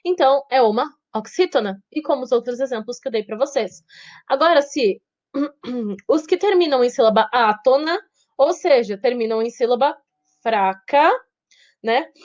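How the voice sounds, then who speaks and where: Brazilian woman teacher on a video call lesson, a bit high voice, patient, says words slow syllable by syllable. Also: animated, darkish tone. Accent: Brazilian Portuguese. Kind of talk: online class lesson. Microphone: video call setup, her own face on screen.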